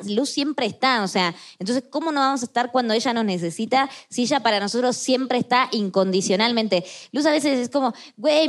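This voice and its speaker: Affectionate woman chatting with friends. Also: medium pitch. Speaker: podcast guest, friend. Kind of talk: casual podcast chat.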